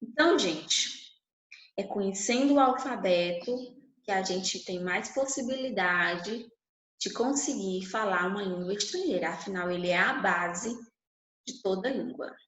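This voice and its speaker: A woman's voice: medium pitch, unhurried, a bit bright, reverberant, poor audio. A woman teaching Spanish to Portuguese speakers, explaining step by step and asking the class questions. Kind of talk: online class lesson.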